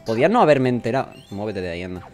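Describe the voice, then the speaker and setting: A young let's play gamer with a Spain Spanish accent commentates casually on his video game in a fairly low, darkish voice, talking rapid-fire with big swings in pitch. He swears often and reads in-game lines in jokey voices over faint game music.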